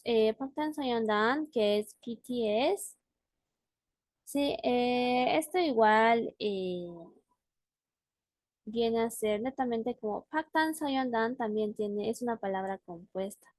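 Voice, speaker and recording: A woman's voice: on the high side, takes it slowly, a little mellow, no room sound. A woman teaching a language class on a video call, explaining words patiently and often checking in with her student. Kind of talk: online class.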